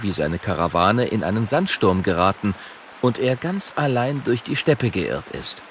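A man narrating a children's audiobook in an expressive storytelling manner. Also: on the low side, vocal fry, slight background noise.

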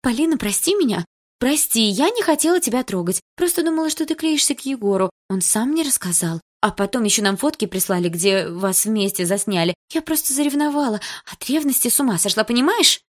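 A woman voicing a frightened teenage girl bully who pleads in a high, tearful voice. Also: slow pace, husky. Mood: pleading.

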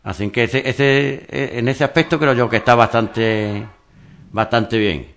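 A man's voice: mid-range voice, fairly even intonation, unhurried, fairly bright tone. A man who organizes a mountain race, talking it through in a rambling radio interview with many restarts.

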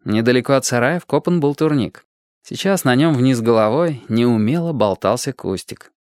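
A narrator reading a children's story aloud with expressive storytelling. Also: medium pitch, normal speed, dry recording, clean studio sound.

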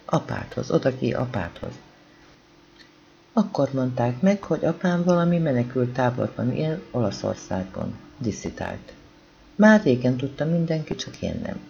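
Calm and even, a gravelly-voiced man narrates a novel as an audiobook reader, voicing the dialogue quietly. His voice sits in the mid-range, and the highs are cut off.

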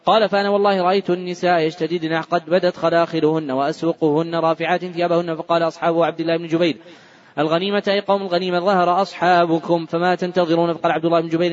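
A man's voice: a little high, flat delivery, rapid-fire, lo-fi sound. A man reading hadith aloud at speed in a mosque, restarting words he stumbles on. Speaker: hadith reader. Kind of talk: rapid recitation of hadith text. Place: large mosque.

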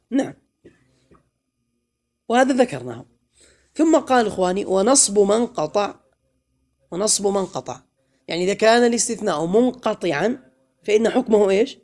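Gravelly-voiced male grammar teacher. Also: sits high, a little mellow. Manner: quizzes students with questions, chants verse lines slowly. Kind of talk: classroom lesson.

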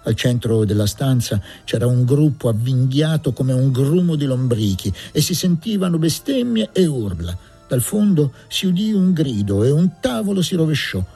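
A man narrating a novel aloud in a measured, expressive reading. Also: mid-range voice, breathy edge, faint music behind. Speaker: audiobook reader. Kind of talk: literary audiobook narration.

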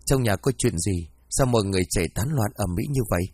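A man's voice: fairly low pitch, animated, fast, darkish tone, husky, dry recording. A man voicing a frightened young wife. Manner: stammering, pleading. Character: frightened eighteen-year-old servant-wife.

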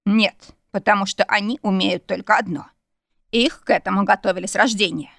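A woman's voice: mid-range voice, steady tone, brisk, creaky, a bit bright, no echo, clean studio sound. A woman reading the lines of a domineering male demon lord in an audiobook, curt and commanding. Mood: stern.

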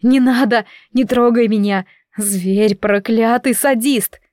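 Woman narrator doing an anguished young heroine, audiobook, bitter, slow and emotional. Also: fairly high pitch, darkish tone, no echo, studio quality, lightly acted. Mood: hysterical. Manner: bitter, pleading, breaking into cries. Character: young woman prisoner, wounded, desperate and furious. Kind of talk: audiobook character voice.

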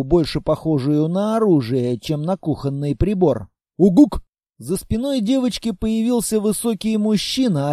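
Man, audiobook narrator, expressive fantasy reading, lively pitch, high voice. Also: no echo, studio quality. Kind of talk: scripted narration of a fantasy tale.

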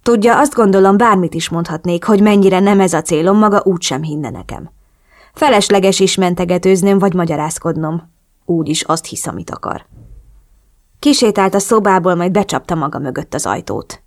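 A woman narrating a novel in the first person, earnest and emotional, pleading in the heroine's dialogue. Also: on the low side. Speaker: audiobook narrator.

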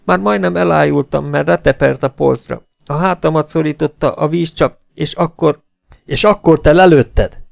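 A man reading an audiobook, voicing a calm young barmaid who tells her story in a raised, pleading way. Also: a little high, gravelly, no echo, clean studio sound, pitched above the performer's own voice. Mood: agitated.

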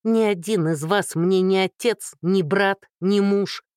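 A reader voicing a furious young woman who shouts and taunts in an audiobook. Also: medium pitch, slow pace, smooth, dry recording, studio quality, voice pushed up, close to an everyday voice.

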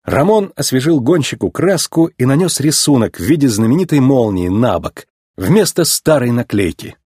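Husky-voiced man reading a storybook. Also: mid-range voice, normal speed, no echo, clean studio sound. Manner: expressive, animated reading. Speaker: narrator. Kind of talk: storybook narration.

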